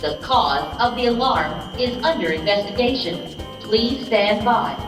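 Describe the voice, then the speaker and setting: A woman making a recorded alarm announcement over the intercom in an airport terminal, slow and measured. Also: a little high, lively intonation. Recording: echoey hall from far off, music behind.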